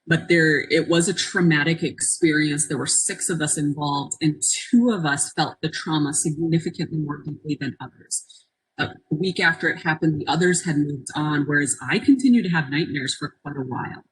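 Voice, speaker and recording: A woman's voice: deep voice, normal speed, few pauses, slight background noise, low-quality recording. A woman presenting an interactive webinar in an encouraging, reflective manner, inviting people to take part. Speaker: workshop presenter. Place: online conference call.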